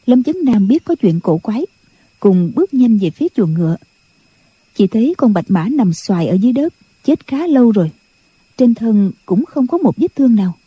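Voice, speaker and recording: Woman reading a wuxia audiobook, super mellow dark tone, bit husky, dry close sound. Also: fairly high pitch, moderate pace, dry recording. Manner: even storytelling delivery with voiced character lines. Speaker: audiobook narrator. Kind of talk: scripted narration.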